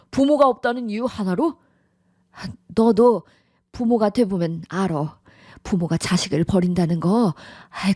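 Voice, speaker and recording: A woman's voice: mid-range voice, no room sound, studio quality, close to an everyday voice. A synthetic voice of a middle-aged woman playing a domineering, contemptuous widowed mother who nags and scolds in a radio drama. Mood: stern. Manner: nagging, sighing, sharp scolding. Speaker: disapproving mother-in-law.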